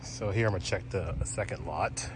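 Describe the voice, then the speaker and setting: A man with a very low voice talks casually through each step as he goes, relaxed and offhand. He is recording on a handheld phone outdoors at a car charging lot. Loud outdoor ambience and vehicle noise run constantly underneath his voice. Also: a little fast. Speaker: vlogger. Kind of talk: casual narrated vlog.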